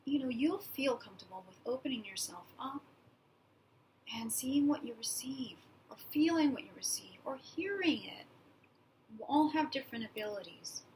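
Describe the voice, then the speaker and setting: A woman spiritual medium delivering an earnest, urgent channeled message to viewers, often dropping into a soft whisper. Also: on the high side, a little hiss or hum.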